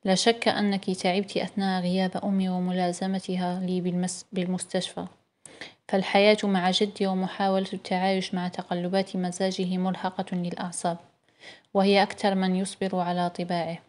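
A woman's voice: on the low side, little pitch movement, fairly quick, darkish tone, lightly acted. A woman reading the lines of an anxious, caring young man with an injured leg in an audiobook story.

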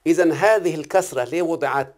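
Egyptian male teacher, brisk, keeps checking comprehension. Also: a little high. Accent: Egyptian Arabic. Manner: questioning, repeatedly checks the student understands. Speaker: Quran recitation teacher. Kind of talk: one-on-one grammar and recitation lesson.

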